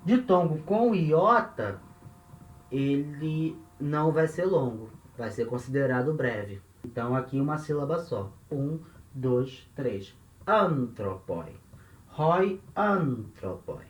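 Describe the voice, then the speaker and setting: A man speaking slowly in a fairly high voice, with a Brazilian Portuguese accent, teaches a grammar lesson at a board. He patiently restates the main points and checks on his listeners throughout. The recording is muffled and has a roomy echo.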